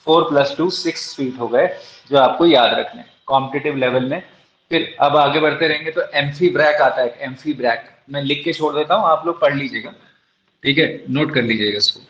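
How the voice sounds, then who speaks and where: A male teacher lectures his class in a medium-pitched, fairly bright voice at a moderate pace. He poses questions to the students and then answers them himself, spelling out terms letter by letter. The recording is lo-fi and dull, with an echoey room.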